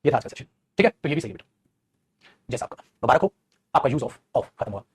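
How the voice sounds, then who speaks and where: Quick, playful grammar teacher. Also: male voice, medium pitch, breathy edge, dry recording. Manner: lively, playful, addresses students as beta and guruji, acts out student voices. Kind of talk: online grammar lesson.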